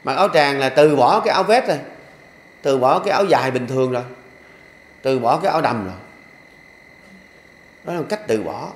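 A man's voice: mid-range voice, lively intonation, a little fast, pauses often. An older man who is a Buddhist monk, speaking with a Southern Vietnamese accent, preaching in a folksy, joking way with rhythmic repeated refrains in a temple hall. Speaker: Buddhist monk giving a dharma talk. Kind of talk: sermon. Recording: echoey hall with faint ambience.

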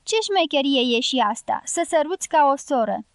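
A woman's voice: sits high, lively intonation, no room sound, studio quality. A woman reading the part of a blunt, teasing older guerrilla woman with a strong voice in a storybook reading. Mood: bold teasing. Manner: teasing, forceful.

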